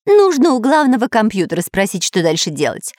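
A woman's voice: medium pitch, big pitch swings, brisk, a little mellow, no echo, clean studio sound, voice pushed up, close to an everyday voice. A woman voicing a fawning male parrot sidekick in a children's audiobook, with an eager, ingratiating squawk. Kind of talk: audiobook character voice.

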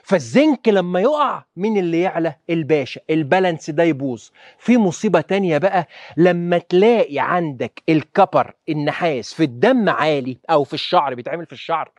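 A man with an Egyptian Arabic accent, working as a doctor, delivers a spirited health lecture full of rhetorical quizzing of his audience. His pitch is fairly high, captured without echo.

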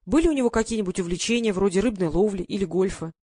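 A woman voicing a calm, curious middle-aged man with a dry, grumbling manner. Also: medium pitch, fast, dry recording, close to an everyday voice.

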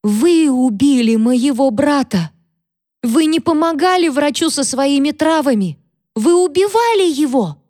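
A woman voicing a frightened young maidservant who pleads tearfully and breaks into shrill accusations. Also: expressive, a little slow, dark tone, dry recording, studio quality. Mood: hysterical, accusing.

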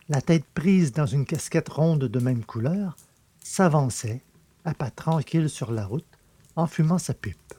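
A man reading a novel as a narrator, in measured storytelling delivery. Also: on the high side, warm tone, slightly rough. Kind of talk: scripted audiobook narration.

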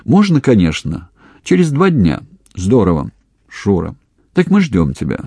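A man's voice: on the low side, wildly swooping pitch, unhurried, mellow, slightly rough, no echo, studio quality, exaggerated voice. A man voicing an elderly, doting mother who frets and exclaims over her son, in an audiobook. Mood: affectionate. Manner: fretting, exclaiming.

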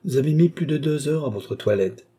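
A man reading an audiobook, voicing a haughty, scornful old baron who blusters loudly. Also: on the high side, expressive, fairly quick, slightly rough, pitched above the performer's own voice.

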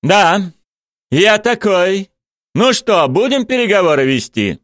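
A vain male actor full of his own importance, declaiming each phrase as if from a stage, pitched high above the narrator's own voice, as a male reader puts him on. The sound is close and dry, with no room around it. Every line comes out grand and self-important. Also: sing-song, takes it slowly, fairly bright tone, dry recording, full character voice. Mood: boastful. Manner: theatrical, declaiming.

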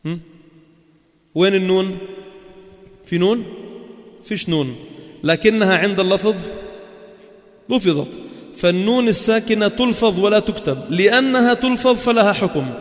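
A man with a high voice and a Levantine Arabic accent leads a class on Quran recitation. He chants verses slowly and then explains them in a brisk, questioning way to his students. His voice rings with a long reverb in a large hall. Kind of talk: religious lesson to a class.

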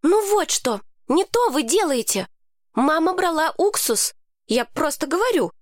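A woman reading an audiobook, voicing a bossy, excitable girl who scolds and insists. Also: sits high, unhurried, dry recording, clean studio sound, voice pushed up. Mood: indignant. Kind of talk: audiobook character voice.

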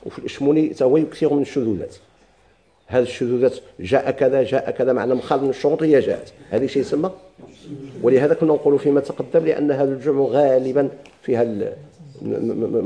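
A man's voice: medium pitch, fast talker, dark tone. A man with a Moroccan Arabic accent teaching a grammar lesson to a class, quizzing students and repeating his questions.

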